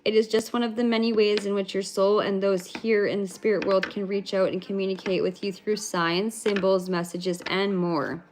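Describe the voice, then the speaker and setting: A woman's voice: mid-range voice, level tone, normal speed, few pauses, a little mellow, a little hiss or hum. A woman giving a livestreamed spiritual card reading in a rambling, casual way, swearing freely. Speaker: spiritual reader.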